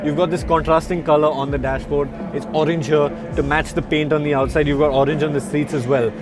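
A man's voice: a little high, level tone, brisk. Upbeat man presenting at a car show. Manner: upbeat, explanatory, addresses viewers directly. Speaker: motoring journalist presenter. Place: large indoor auto show hall. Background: loud music.

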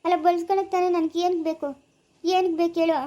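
A woman acting as a distraught village auntie, pleading in a very high voice and talking fast, her words tumbling out. She protests her innocence in an amateur family drama. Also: level tone, dark tone. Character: middle-aged village woman, accused, pleading. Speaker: foster caretaker of Sneha.

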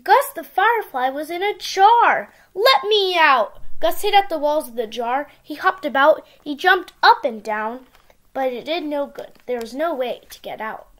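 High, animated woman reading to young children. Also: moderate pace. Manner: simple, expressive storytelling. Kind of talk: reading a picture book aloud to young children. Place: small indoor room with bookshelves.

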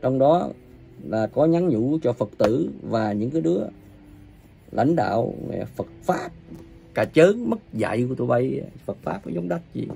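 Gravelly man ranting a scolding sermon. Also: very animated, a little slow, soft background music. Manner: scolding and cursing, coarse insults; uneven volume, bursts loud then drops low. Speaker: self-proclaimed religious preacher.

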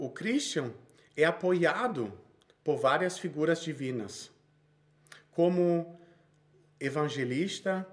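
With a fairly high-pitched voice, a Brazilian Portuguese-accented man in his thirties delivers a sermon from notes. He frequently stumbles into brief restarts.

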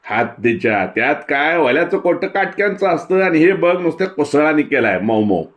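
Storybook role: a man playing a talkative know-it-all village boy, high and eager. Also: sing-song, normal speed, dull audio. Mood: boastful. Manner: eager explaining tone.

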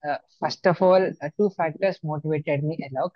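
A man's voice: a little high, steady tone, a little fast, dry recording. Dull-sounding young man with Telugu accent. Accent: Telugu Indian. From Andhra Pradesh, India. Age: early 20s. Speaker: student exam topper being interviewed. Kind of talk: interview answers on a video call. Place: small plain room indoors. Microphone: wired earphones on video call. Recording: dull lo-fi video-call audio.

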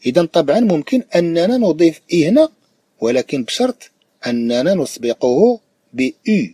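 Moroccan teacher repeating sounds slowly. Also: male voice, fairly high pitch, big pitch swings, dark tone, slightly rough, no room sound. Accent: Moroccan Arabic. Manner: explains slowly, repeats each sound and word several times. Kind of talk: recorded school lesson.

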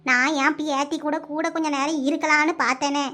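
A woman's voice: high voice, steady tone, fairly quick, pushed and bright, pitched below the performer's own voice. A woman voicing an elderly grandmother who fusses over auspicious times and her granddaughter. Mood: fussing. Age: older.

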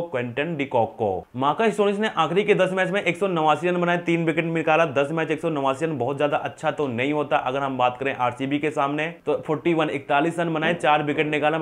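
A young man giving a fantasy cricket rundown to camera, quizzing himself with quick questions and answering them, recorded on a lapel mic in an indoor studio. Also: medium pitch. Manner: rapid, animated hand gestures, self-asking "who?" then answering. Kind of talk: fast scripted-free stats rundown to camera. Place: indoor studio with printed backdrop. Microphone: lapel mic, medium framing.

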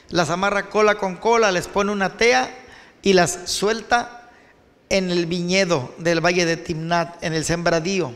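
Animated Mexican preacher in a reverberant hall. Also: male voice, high-pitched. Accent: Mexican Spanish. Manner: animated, addresses students directly. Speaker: pastor. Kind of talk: sermon.

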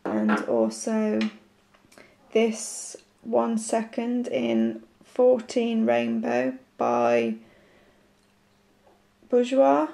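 A woman with a croaky voice from a sore throat, chatting casually and haltingly to camera as a nail art vlogger. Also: a little high, very animated, warm tone, slight background noise.

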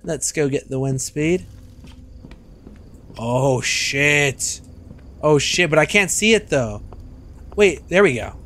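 A young man in his twenties giving casual, joking commentary while streaming a game, with loud outbursts and swearing, on a studio mic. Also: on the high side, lively intonation, slow pace, long pauses. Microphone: studio mic on arm.

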